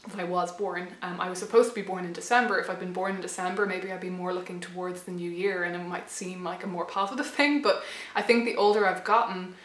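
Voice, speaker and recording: This woman, about thirty and hosting her own channel, speaks fast with few pauses in a reflective vlog, though she hesitates and restarts a lot. Her voice is on the low side, steady, fairly bright and a little worn, set in a reverberant space.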